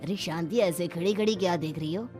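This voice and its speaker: A woman's voice: on the low side, a little fast, over music, natural voice. A woman voicing a hearty village husband. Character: easygoing middle-aged village husband and father.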